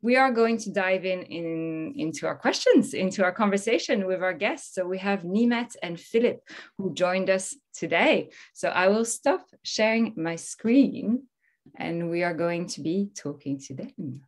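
A woman's voice: on the low side, expressive, a little slow. A woman in her thirties hosting an online talk show from a home office. She sounds upbeat and welcoming, speaking into a laptop webcam on a video call. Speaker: host.

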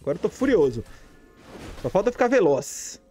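A man from Brazil, a gaming streamer giving excited, jokey commentary as he plays, repeating his callouts and shouting at big plays. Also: high-pitched, a little fast, breathy edge, faint music behind.

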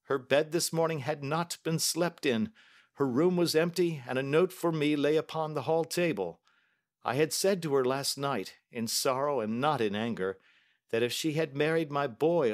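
A man's voice: fairly high pitch, moderate pace, natural voice. A man reading a story aloud and voicing an older banker, distraught and pleading, in a raised, strained voice. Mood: grieving. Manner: pleading and overwrought. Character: distraught older male banker, grief-stricken, excitable.

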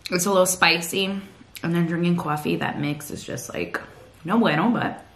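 Brief: young woman vlogger, low-ish gravelly voice, worn out after a night shift, chatty and rambling, handheld camera at home. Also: moderate pace, fairly bright tone. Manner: chatty, frequent "like" and "you guys". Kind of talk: casual vlog chat. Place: sitting on a couch at home. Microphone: handheld vlog camera.

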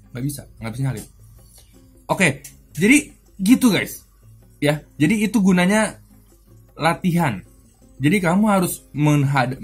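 A man's voice: fairly high pitch, breathy edge. A man hosting a self-help video, talking casually in slangy speech and acting out little scenes. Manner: chatty slang-heavy Jakarta talk, acts out little scenes.

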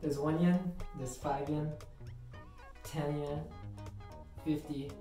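A man's voice: on the high side, flat delivery, slow. Young male vlogger, casual talk, off-mic in a reverberant bathroom. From United States. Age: young adult. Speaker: vlogger, quiz contestant. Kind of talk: casual chat. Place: small bathroom, sitting in tub. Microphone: camera a few steps away. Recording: echoey bathroom, distant microphone, music behind.

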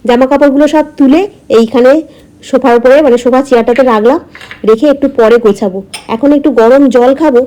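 A woman's voice: sits high, fast talker, warm tone. A woman chatting casually to her viewers as a vlogger, explaining her daily routine, with a slight cold in her throat.

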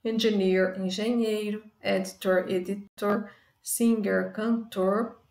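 Gravelly-voiced woman teaching a lesson. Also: mid-range voice, normal speed, echoey room. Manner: explains step by step, often adds "tá?". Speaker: English teacher. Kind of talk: recorded remote lesson.

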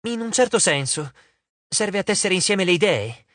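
A man's voice: high-pitched, lively intonation, normal speed, a bit bright, no room sound, pitched above the performer's own voice. A man voicing a clever, determined teenage girl for a storybook, talking in a coaxing, persuasive way.

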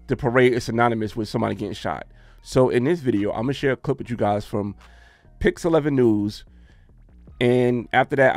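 A man's voice: medium pitch, a little mellow, dry recording. A man hosting a reaction commentary video, talking casually and repeating his points with exasperation. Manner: exasperated, repetitive emphasis.

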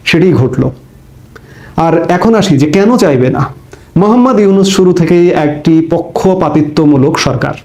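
A man's voice: a little high, mellow. A man giving a political commentary monologue, reading out court details and then arguing his own view.

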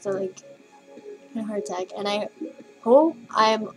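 A teenage girl records a rambling video message in her bedroom, giggling nervously and swearing freely as she talks. Her voice sits at a middle pitch for a woman. Faint music plays behind her. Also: normal speed, low-quality recording. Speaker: vlogger. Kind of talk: casual video message to a crush. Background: faint music playing.

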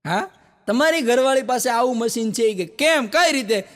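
High-voiced Gujarati comedian telling jokes. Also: male voice, animated, moderate pace, a bit bright. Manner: chatty storytelling with asides to the audience. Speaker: stand-up comedian. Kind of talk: Gujarati stand-up joke telling. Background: audience laughter.

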